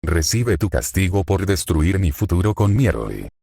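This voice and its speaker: A synthetic male voice reading the lines of a vengeful, hateful young woman in a fan story, in a flat delivery. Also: deep voice, normal speed, creaky, breathy edge, no echo, clean studio sound, exaggerated voice. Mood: furious.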